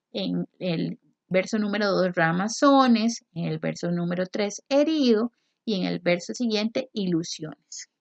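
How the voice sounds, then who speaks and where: A woman's voice: mid-range voice, dry recording. A woman teacher explaining a lesson step by step, patiently stretching out word endings and checking in with questions. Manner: checks in with frequent rhetorical questions. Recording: dry, dull lo-fi recording.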